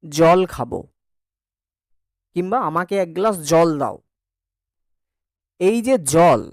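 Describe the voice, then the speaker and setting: A man's voice: fairly high pitch, sing-song, slow, no echo, clean studio sound. Male teacher drilling pronunciation. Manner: repeats words to drill pronunciation; asks the class checking questions. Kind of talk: classroom lesson on Bengali grammar.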